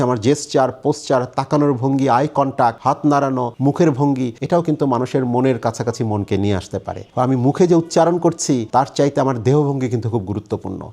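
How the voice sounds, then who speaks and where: A man with a Bangladeshi Bengali accent giving a calm, measured talk on mental health, explaining points in repeated lists. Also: mid-range voice.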